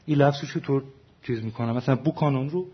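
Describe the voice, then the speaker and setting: Man, husky voice, mid pitch, translator in a panel talk, restarts his words, dull lo-fi sound. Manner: explanatory, frequent self-corrections and fillers. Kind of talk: academic panel discussion.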